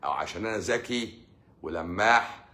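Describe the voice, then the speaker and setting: A man's voice: sits low, lively intonation, moderate pace, sharp tone. A man with an Egyptian accent, a doctor hosting a casual live Q&A, sarcastic and joking as he acts out what his patients say. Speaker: doctor hosting a live stream answering comments.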